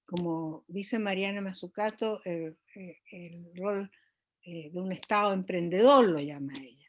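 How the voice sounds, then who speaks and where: A woman's voice: fairly low pitch, a little hiss or hum. A woman economist speaking as an interview guest, explaining at length with frequent hesitations and restarts. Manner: measured, many hesitations and restarts.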